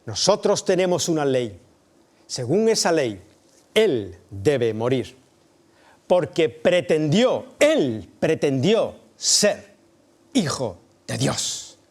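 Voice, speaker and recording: A man voicing a group of insistent male accusers, speaking slow, loud and emphatic. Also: on the high side, big pitch swings, pitched above the performer's own voice, heavily acted.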